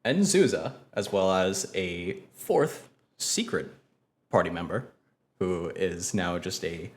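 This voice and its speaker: A man with a fairly low voice hosts a tabletop role-playing stream as game master. His delivery is lively and swoops around in pitch, and he is quick to laugh at himself. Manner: excitable, lively and self-deprecating.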